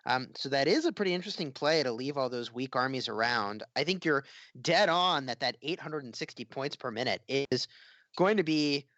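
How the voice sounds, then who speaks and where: A man giving lively color commentary on an esports match, playful and animated. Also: no room sound, highs cut off. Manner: animated, playful, jumps up in pitch when excited. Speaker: esports co-caster.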